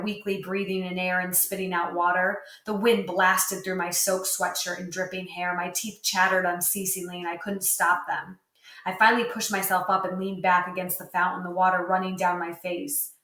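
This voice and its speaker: A woman reading a novel aloud, telling the story in first person with steady narration. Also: fairly low pitch. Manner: steady storytelling narration with lightly voiced dialogue. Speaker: reader. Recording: roomy, distant mic.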